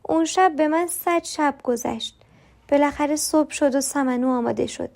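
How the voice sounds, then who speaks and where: A woman's voice: high-pitched, vocal fry, darkish tone. A woman narrating a first-person story in a confiding way, acting out the other people's lines as they come up. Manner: confiding, voices other characters in dialogue.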